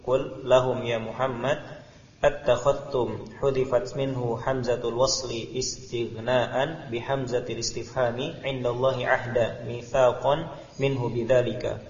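A student, a man, reads classical text aloud slowly, in a flat, careful and halting way. He sits far from the microphone. The sound is dull and lo-fi, with a long echo from a roomy hall. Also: mid-range voice. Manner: flat, halting reading with restarts. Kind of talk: slow, careful recitation of Arabic text. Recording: distant voice in an echoey hall, lo-fi.

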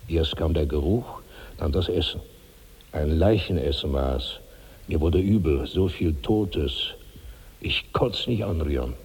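Huge hungry old man, deep dark husky voice, long reverb, old radio play. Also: a little slow, exaggerated voice. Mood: brooding. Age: 60s. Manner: brooding, swings into loud cries. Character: Karnak, huge old man, ravenous, brooding. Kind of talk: 1960s radio drama acting.

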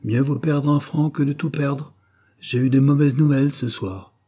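A man voicing a respectable, intelligent foreman who speaks gravely in a storybook reading. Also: mid-range voice, steady tone, moderate pace, mellow, pitched above the performer's own voice, natural voice. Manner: grave, announcing bad news.

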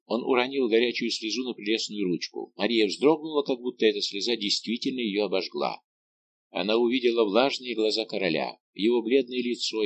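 A man narrating a classic novel as an audiobook in a measured, expressive reading. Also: on the low side, dry recording. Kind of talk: scripted narration.

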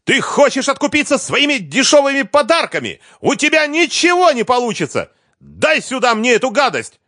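A man voicing a hysterical ex-wife who shrieks accusations in a high, strained voice. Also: big pitch swings, normal speed, dry recording, studio quality. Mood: screaming. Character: shrill hysterical ex-wife, woman, screaming.

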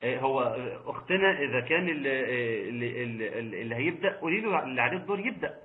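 A man with an Egyptian accent teaching Quran recitation rules online, reciting slowly and patiently correcting his students. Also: mid-range voice, expressive, phone-quality sound. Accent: Egyptian Arabic. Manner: slow drawn-out recitation of verse examples, patient corrections.

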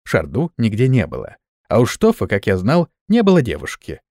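A man narrating a fantasy audiobook in a lively storytelling manner. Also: on the low side, moderate pace, no room sound, studio quality.

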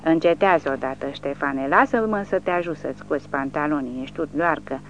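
A reader doing a weary scolding village wife. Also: female voice, low voice, background noise, close to an everyday voice. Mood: pleading. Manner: pleading and crying out.

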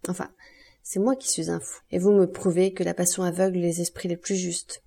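Ardent young lover read by a woman narrator, urgent and earnest, soft warm tone. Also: fairly low pitch, flat delivery, a little fast, vocal fry, slightly rough. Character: young man, ardent, passionate, desperate lover. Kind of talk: audiobook character reading.

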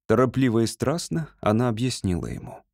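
A man's voice: mid-range voice, big pitch swings, brisk, creaky, darkish tone, no echo, studio quality. Man reading a story aloud. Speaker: audiobook narrator. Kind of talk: scripted narration.

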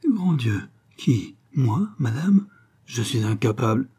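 A man reading aloud, voicing a lovesick, jealous young gentleman who speaks in a pleading, impassioned way. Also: mid-range voice, sing-song, slow pace, husky, full character voice.

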